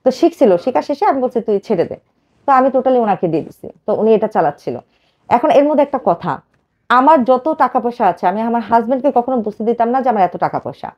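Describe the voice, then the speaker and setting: A woman in her thirties tells her own life story to a host, fast and emotional, with many fillers. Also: a little high, animated, a little mellow, highs cut off. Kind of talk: personal life story told to a radio host.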